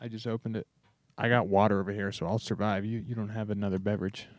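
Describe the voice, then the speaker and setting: A man co-hosting a casual music-production podcast, joking and rambling as he walks through software. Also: lowish voice, level tone, fast. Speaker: podcast co-host. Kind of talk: casual chat.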